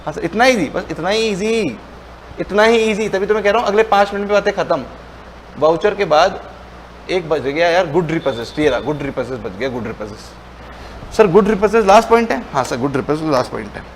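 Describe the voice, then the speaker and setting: A man teaching a commerce class, speaking casually and mixing English terms into his speech. He acts out both sides of the lesson, switching his pitch to play the student's questions and then answering them himself. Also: lively intonation, quick pace, a little hiss or hum. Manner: colloquial, mixes Hindi with English terms. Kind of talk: lecture with role-played dialogue.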